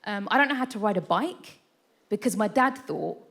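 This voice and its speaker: A medium-pitched, animated woman's voice with some creak and a fairly bright tone carries a stand-up set at normal speed, with a little hiss or hum. She's a comedian in her thirties on a theatre stage before an audience, chatty and self-deprecating, often adding "right?"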